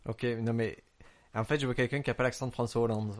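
A man with a French accent banters on a casual podcast. He is goofy and wisecracking, with a middle-pitched voice and a teasing delivery. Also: fairly even intonation, fast talker, slight background noise. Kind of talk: casual comic chat.

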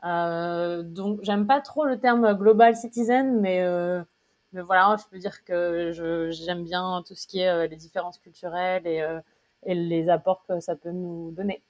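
A French woman in her thirties is interviewed in a recording with dull, lo-fi sound. Her voice is lowish, darkish and fairly even, a little slow, and she speaks casually with many hesitations and frequent laughter.

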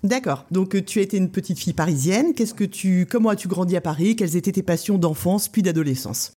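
A woman's voice: fairly low pitch, fairly quick, dark tone, slightly rough. A woman hosting a podcast interview, reading a scripted intro and then prompting her guest with friendly questions and short acknowledgements. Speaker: podcast host. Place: small shop, behind the till.

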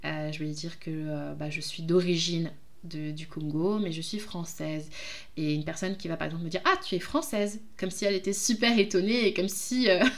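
A woman from France hosts her own podcast, talking in a casual, reflective monologue. Her voice sits a little low for a woman. She pauses often as she gathers her thoughts. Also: steady tone. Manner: reflective, hesitant, many pauses. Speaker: podcast host, jurist.

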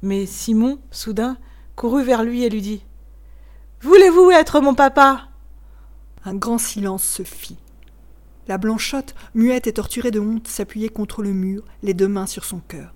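A woman narrating a classic tale in a measured, expressive storytelling voice. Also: mid-range voice. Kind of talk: audiobook reading of a classic tale.

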